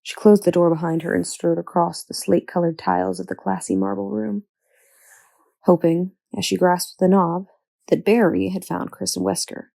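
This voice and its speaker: A woman's voice: lowish voice, steady tone, moderate pace, creaky, mellow, poor audio. A woman narrating a horror audiobook with tense, dramatic storytelling. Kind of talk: scripted narration.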